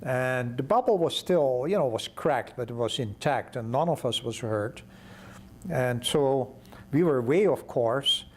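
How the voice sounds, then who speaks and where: A man's voice: medium pitch, lively intonation, a little slow, a little hiss or hum. An older man recounting an adventure in a documentary interview, telling it vividly and acting out the dialogue.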